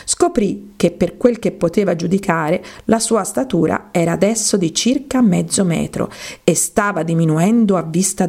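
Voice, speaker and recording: A woman narrating a children's story in a calm, even reading voice. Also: fairly low pitch, gravelly.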